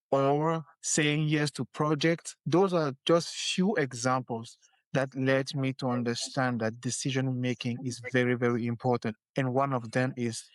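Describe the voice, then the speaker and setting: A man talks earnestly in a podcast interview. He picks his words with care and restarts now and then, at a middle pitch. The sound is close and dry, with no room around it. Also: no echo. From Cameroon. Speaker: podcast guest, career strategist. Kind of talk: conversational interview.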